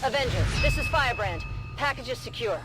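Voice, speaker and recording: A woman's voice: on the high side, animated, a little fast, very noisy, natural voice. A woman voicing a composed military pilot making a formal radio report in a video game. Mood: composed, official.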